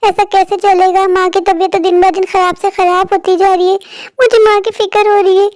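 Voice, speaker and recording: A woman's voice: very high-pitched, level tone, a little fast, darkish tone, no room sound, studio quality. A woman voicing a timid, devoted young boy in a cartoon, speaking earnestly and pleadingly. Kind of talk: cartoon voice acting.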